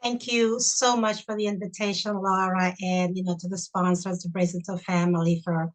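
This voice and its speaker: An older Honduran woman whose first language is Spanish, a chaplain, tells her life story as a webinar guest, reflective and repeatedly saying "you know." Her fairly low voice shows little pitch movement at a normal speed. The video-call audio is low quality.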